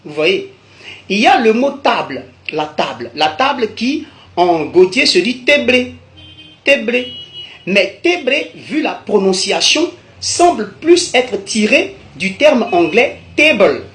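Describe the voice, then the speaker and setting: A man's voice: sits high, very animated, slow, fairly bright tone. A man from Côte d'Ivoire, methodically explaining vocabulary in a video lesson and repeating each term for emphasis. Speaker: language teacher. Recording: echoey room.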